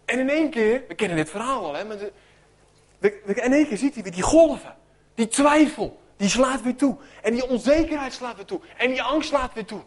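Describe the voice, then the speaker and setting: Very high-voiced man preaching animatedly. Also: fairly quick. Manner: animated storytelling, acts out voices, drops to near whisper. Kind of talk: sermon.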